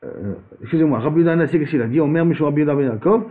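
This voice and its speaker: Rabbi teaching Talmud over tinny audio. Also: male voice, on the high side, racing. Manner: reads Aramaic phrases then paraphrases in French, with restarts. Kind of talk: Talmud lesson, reading and explaining. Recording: tinny phone-like recording.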